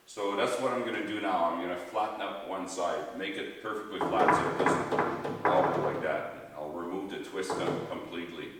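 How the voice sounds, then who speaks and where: A man's voice: lowish voice, heavy reverb, long reverb tail, recorded from a distance, very noisy. A man hosting a woodworking demo in his shop, explaining in a plain, stop-start way, recorded as old camcorder audio. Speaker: woodworking host. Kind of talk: casual how-to demo.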